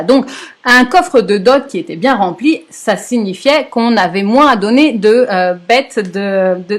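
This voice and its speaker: Chatty woman presenter, slightly high voice. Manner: chatty, with asides and jokes to viewers. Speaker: knitting presenter. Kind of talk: casual storytelling lecture.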